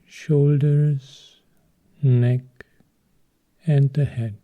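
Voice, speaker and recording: Leading a guided meditation, this male teacher keeps his medium-pitched voice calm, offering short, measured phrases with long pauses between them. The sound has phone-like quality.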